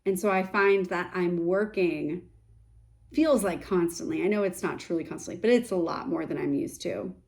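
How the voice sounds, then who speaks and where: A woman in her thirties, a startup founder, talking openly and reflectively in a casual to-camera vlog. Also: mid-range voice. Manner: open, reflective, chatty. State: sick, congested voice.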